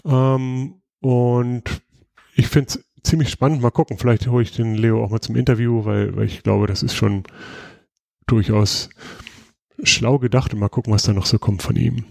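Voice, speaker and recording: Mellow-voiced male podcast host. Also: mid-range voice, normal speed, creaky, no echo, studio quality. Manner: relaxed, explanatory, many filler sounds and restarts. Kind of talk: casual podcast chat.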